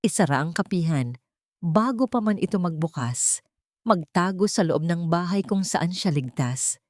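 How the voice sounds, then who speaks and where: A woman with a lower-pitched, slightly mellow voice narrates a scripted dramatic story with lively intonation at a moderate pace. The recording is dry and studio-clean.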